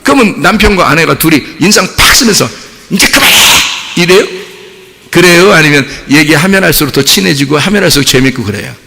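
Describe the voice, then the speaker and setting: A male pastor preaching a sermon in a casual, conversational way, acting out quoted voices and sometimes rising to a shout. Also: a little high, lively intonation, fast talker, gravelly, big-room sound, a little hiss or hum. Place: church sanctuary.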